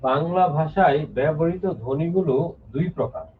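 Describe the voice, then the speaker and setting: A man's voice: a little high, moderate pace, far from the mic, slight background noise. A man teaching a live online grammar lesson, explaining step by step, repeating key points and reading out viewers' names. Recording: lo-fi phone-like sound from off the mic.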